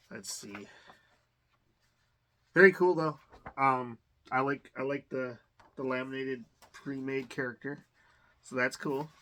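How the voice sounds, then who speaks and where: Slight background noise sits behind a mid-range, sharp-toned male voice belonging to an adult who runs an unboxing channel. Thinking aloud in a halting, meandering way full of fillers and restarts, he sounds enthusiastic about whatever he finds.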